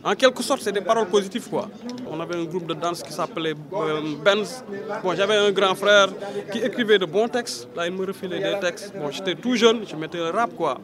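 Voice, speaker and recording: A man's voice: sits high, brisk. A man in his thirties from Senegal, a rapper chatting loosely in an interview and ending phrases with "quoi". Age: 30s. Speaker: rapper and reggae artist. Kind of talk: casual interview chat. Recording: outdoor crowd chatter behind.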